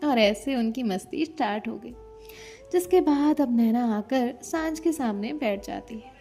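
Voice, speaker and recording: A woman narrating an audio love story with steady, expressive storytelling. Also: on the high side, a little slow. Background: faint music.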